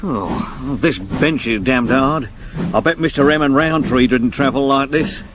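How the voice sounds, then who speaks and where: A man's voice: mid-range voice, a little slow, background noise, natural voice. A man playing a deferential, grumbling police sergeant in a 1970s radio drama.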